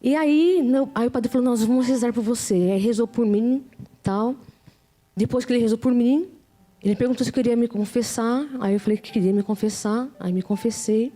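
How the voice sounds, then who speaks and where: A woman's voice: fairly high pitch, normal speed, mellow. A middle-aged woman with a Brazilian Portuguese accent telling her personal testimony in a heartfelt, repetitive way. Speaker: missionary giving testimony.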